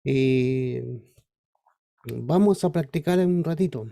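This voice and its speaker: A man with a Chilean Spanish accent, a pastor teaching a Bible study class over a video call in an informal, unhurried way. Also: a little high, gravelly, mellow.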